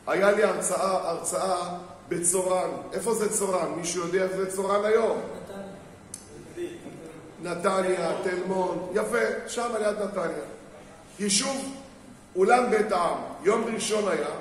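A rabbi preaches on marriage to a gathered crowd in a high voice, telling stories and acting out the people in them. His voice rings through a very echoey hall with a long reverb tail. Faint noise sits underneath. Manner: storytelling, acts out quoted people, asks the crowd questions. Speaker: rabbi giving a lecture on marriage. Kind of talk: sermon to a live audience. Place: synagogue hall with an audience.

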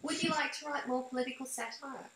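A middle-aged woman interviews someone over a video call from a small indoor room, the webcam audio roomy and echoey. Her voice is high, steady, fast and a bit bright, and she asks conversational questions in a hesitant, thoughtful way.

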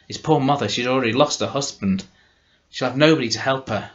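A man's voice: medium pitch, brisk, fairly bright tone, natural voice. A man voicing pleading frightened villagers. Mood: fearful. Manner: pleading and earnest. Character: frightened, grieving village folk. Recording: dull lo-fi recording.

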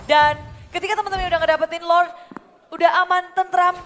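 A woman giving animated live commentary on a mobile game match as an esports announcer. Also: extremely high pitch, fast talker, slight background noise. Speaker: esports shoutcaster.

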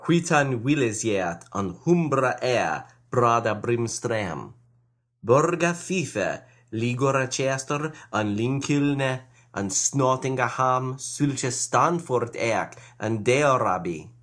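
Slow, measured man reciting Old English verse. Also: medium pitch, animated, fairly bright tone. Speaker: reader.

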